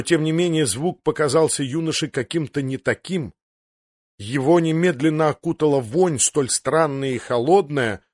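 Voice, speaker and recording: A man reading a fantasy audiobook aloud in a steady, dramatic narration. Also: a little high, dry recording, clean studio sound. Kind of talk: scripted narration.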